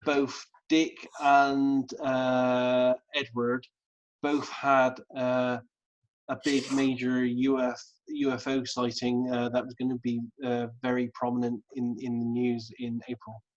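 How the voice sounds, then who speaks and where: A man hosting a casual group video call, speaking in a halting way and repeating words as he thinks aloud. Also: medium pitch, monotone. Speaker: host. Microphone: video call mic. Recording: dull lo-fi video call audio.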